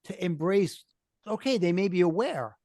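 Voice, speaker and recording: A middle-aged man speaks in a Brooklyn accent with a fairly high-pitched voice. He sounds earnest and explanatory, like a coach talking in an interview, and the sound is dry and close. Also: lively intonation, moderate pace, warm tone, no room sound. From Brooklyn, New York. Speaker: podcast guest, life coach and author. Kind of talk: conversational interview, personal storytelling.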